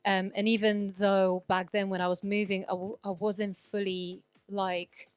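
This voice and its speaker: A Polish-born woman in her thirties, raised in Sweden, chats freely as a guest DJ in a podcast interview. Her mid-range voice is smooth and clean, with a flat delivery and measured pace, and she rambles with many fillers and restarts. The sound is close and dry.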